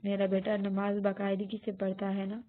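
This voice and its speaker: A woman voicing a loving, devout middle-aged aunt who consoles her niece softly. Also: mid-range voice, completely flat delivery, lightly acted. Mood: consoling. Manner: soft, consoling. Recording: tinny phone-like audio.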